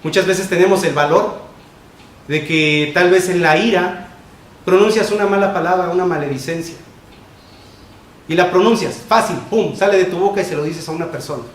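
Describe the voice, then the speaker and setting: A man preaching a sermon as pastor, emphatic and repetitive, with quick shifts between loud and soft. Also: high voice. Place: church sanctuary. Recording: echoey church room with faint noise.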